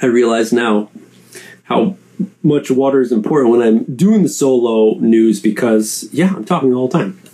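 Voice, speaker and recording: A man hosting a solo chat show, rambling and casual, repeating words as he goes and swinging his pitch up and down. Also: moderate pace, dark tone. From Canada. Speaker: podcast host.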